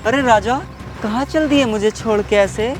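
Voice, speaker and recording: A man's voice: high-pitched, moderate pace, music in the background, natural voice. A man playing a flirty, effeminate male AC repairman in a comic skit, coaxing and pleading in a sing-song way.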